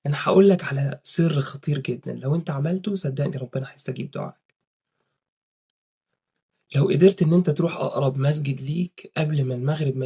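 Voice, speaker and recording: Young egyptian man, earnest casual advice, raised voice, talks fast. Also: on the high side, warm tone, husky. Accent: Egyptian Arabic. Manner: earnest, swears oaths, brief laughs. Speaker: religious advice speaker. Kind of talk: casual spoken advice to viewers.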